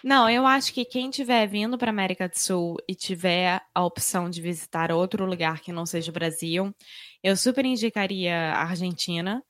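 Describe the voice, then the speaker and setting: A woman's voice: fairly low pitch, moderate pace, fairly bright tone, dry recording, studio quality. A Brazilian woman co-hosting a podcast in casual conversation, speaking expressively and emphatically. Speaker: podcast co-host.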